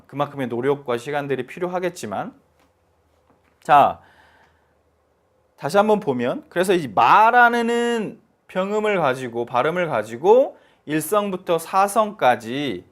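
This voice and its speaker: A male teacher giving a televised Chinese lesson, slightly high-voiced and very lively in pitch. He explains emphatically and sings out tone demonstrations.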